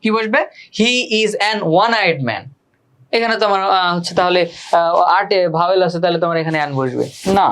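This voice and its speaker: High-voiced Bangladeshi male teacher. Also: fairly bright tone, clean tone. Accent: Bangladeshi Bengali. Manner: repetitive, questioning students, drawn-out example sentences. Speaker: English teacher. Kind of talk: online class lecture.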